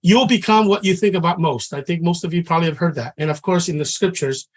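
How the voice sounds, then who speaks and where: Here a trading class is taught by a middle-aged man from Samoa, speaking at a quick pace in a high-pitched voice. He comes across as earnest and conversational and keeps restarting sentences.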